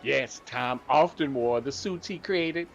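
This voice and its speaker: A man's voice: medium pitch, takes it slowly, creaky, highs cut off, soft background music. A man playing a theatrical, gleefully macabre horror show host, relishing punning, alliterative scripted narration. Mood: campy, admiring.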